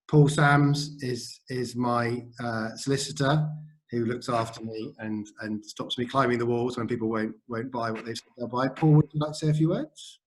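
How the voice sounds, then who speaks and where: A man hosts an online property meetup in an easy, casual way. His voice sits at an ordinary middle pitch. He chats briskly and keeps things upbeat. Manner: upbeat, quick to praise, chatty.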